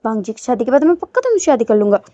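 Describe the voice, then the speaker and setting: A woman's voice: a little high, very animated, racing, mellow, no room sound. A woman voicing a playful young man who pleads with and teases his angry lover. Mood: coaxing. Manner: pleading, teasing tone. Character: coaxing young man, playful boss's son. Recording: dull lo-fi dry recording.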